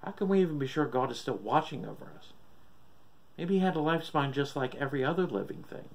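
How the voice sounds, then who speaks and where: A man's voice: fairly high pitch, expressive, quick pace, pitched above the performer's own voice. A man voicing a troubled husband and son, earnest and questioning, in a horror story reading. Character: troubled adult son doubting God, shaken husband.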